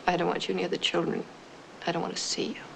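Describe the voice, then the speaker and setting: An actress playing a wounded, desperate suburban wife in a 1960s film drama, speaking in a halting, broken-up way. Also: female voice, lowish voice, little pitch movement, creaky, a bit bright, a little hiss or hum, poor audio. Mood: cold, hurt.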